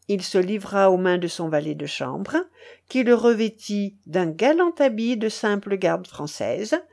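A woman reading a classic story aloud as an audiobook, with measured, expressive storytelling. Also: medium pitch. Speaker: reader. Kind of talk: audiobook narration.

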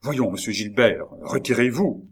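A man's voice: mid-range voice, expressive, unhurried, breathy edge. A man reading a cool, haughty young noblewoman. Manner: cool, composed. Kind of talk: audiobook character voice.

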